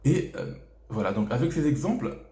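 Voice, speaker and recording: A man's voice: mid-range voice, big pitch swings, moderate pace, warm tone. A French man hosting a casual video lesson, talking straight to the viewer with many hesitations and restarts. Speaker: English teacher, channel host. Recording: echoey room.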